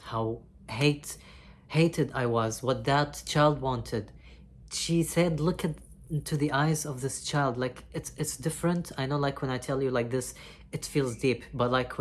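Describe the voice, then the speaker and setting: A vlogger speaks in a candid, confessional monologue, rambling and heartfelt, swearing freely and often stopping to restart a thought. The pitch sits in a middle range, and a faint hiss runs underneath.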